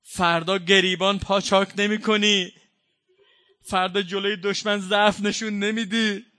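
Giving a mourning sermon, this male preacher speaks with a high, level tone that sounds pushed and bright. Quoted lines come slow and stretched, followed by plain-spoken explanation full of fervor and passion.

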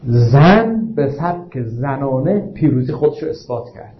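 A male preacher giving a religious sermon, asking the audience frequent rhetorical questions and slowing down to stress quoted lines. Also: mid-range voice, lively intonation, a little hiss or hum. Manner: slows down to recite and stress quotations. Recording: dull lo-fi recording.

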